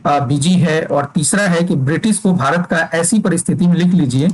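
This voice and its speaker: A male teacher with a somewhat high voice leads an exam-prep class. He dictates points slowly for notes and stops to check that his students are keeping up. His tone is explanatory and steady. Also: low-quality recording.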